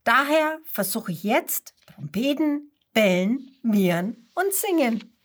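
A woman's voice: on the high side, sing-song, slow, heavily acted. A woman voicing a cheerful, clumsy kangaroo in a children's story, speaking in a playful, sing-song way. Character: cheerful, clumsy female kangaroo, noisy but kind.

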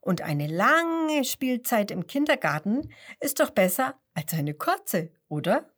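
A woman puts on a cheeky puppet clown, high-pitched and boisterous, bouncing through his jokes in a children's storybook. His voice leaps up and down in lively swings. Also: slow, heavily acted. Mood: jolly. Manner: loud, high and bouncy, joking. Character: cheeky hand puppet clown Kasper, male, jolly joker.

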